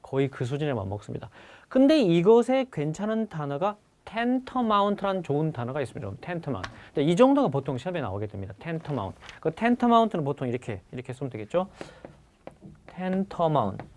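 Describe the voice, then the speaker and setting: A man teaching English vocabulary for civil service exams in a recorded lecture, repeating key words slowly and addressing his students. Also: fairly high pitch, big pitch swings, slight background noise. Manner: stresses the English words, then lets the Korean explanation trail off quietly.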